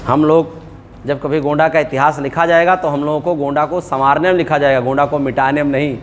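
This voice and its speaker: A man with a high-pitched voice is teaching accounting to a class. He is middle-aged, mixes English terms into his explanations and keeps checking whether his students have followed. A faint noise runs under the recording. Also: steady tone, fairly quick. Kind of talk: classroom lecture.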